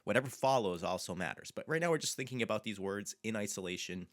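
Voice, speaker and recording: Low-voiced man teaching pronunciation. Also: expressive, no echo, studio quality. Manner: unhurried, repeats example words slowly. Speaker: Portuguese language teacher. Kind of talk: explanatory pronunciation lesson.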